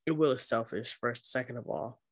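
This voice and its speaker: A woman co-hosting a podcast in casual chat, animated and joking with frequent laughs. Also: a bass voice, fairly quick, no room sound. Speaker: podcast co-host.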